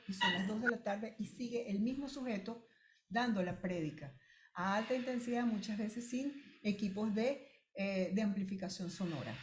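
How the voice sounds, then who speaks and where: A woman with a Venezuelan accent, a voice specialist explaining vocal strain to listeners in a clear, direct way. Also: medium pitch, noisy background. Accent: Venezuelan Spanish. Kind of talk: explanatory talk. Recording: roomy echo.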